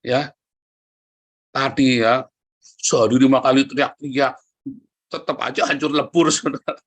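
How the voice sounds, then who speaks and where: A man preaching a sermon, lively and joking, often turning to address the congregation directly. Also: mid-range voice, unhurried. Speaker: pastor.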